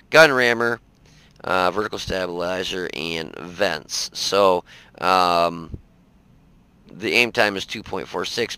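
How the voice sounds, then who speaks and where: Brief: tired man narrating game footage, deep gravelly voice, folksy and rambling. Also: pushed and bright, no echo, low-quality recording. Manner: rambling, filler-heavy, folksy. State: tired, yawning. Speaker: game reviewer. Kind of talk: casual gameplay commentary.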